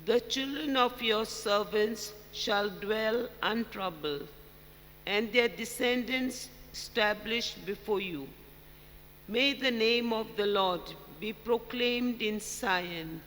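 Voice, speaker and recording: A man reading a psalm as lector at Mass, with deliberate, formal and solemn phrasing in an echoing church. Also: high voice, pushed and bright. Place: large church during Mass. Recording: echoing church, long reverb, background noise.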